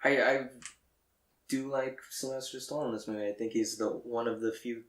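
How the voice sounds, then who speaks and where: A man co-hosting a casual movie discussion podcast, wry and critical, with quick asides. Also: mid-range voice, fairly even intonation. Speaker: podcast co-host. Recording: echoey room.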